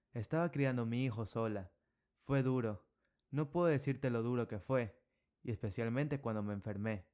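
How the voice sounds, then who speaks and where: Narrator playing a regretful young mother, smooth, confessional storybook reading. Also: medium pitch, a little mellow, lightly acted.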